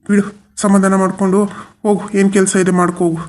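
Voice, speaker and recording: An actor voicing a weary, resigned middle-aged father in a cartoon, who talks slowly and consoles his wife. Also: medium pitch, little pitch movement, a little mellow, close to an everyday voice. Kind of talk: cartoon voice acting.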